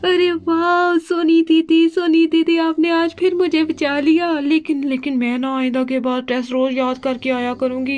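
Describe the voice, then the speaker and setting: Scared little girl doll, stammery and nervous, high voice, a woman voicing her. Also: darkish tone. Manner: anxious, stammering. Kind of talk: doll play storytelling.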